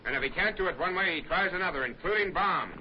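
A man with a high-pitched voice announces an early 1930s newsreel in a declamatory, emphatic way. The old soundtrack is dull and lo-fi, with clear hiss and noise running under his words. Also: lively intonation, quick pace. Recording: noisy lo-fi 1930s newsreel audio.

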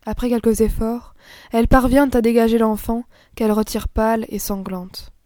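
A woman reading a story aloud in a measured, expressive narration. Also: on the high side, no echo, studio quality. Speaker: audiobook narrator. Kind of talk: scripted narration.

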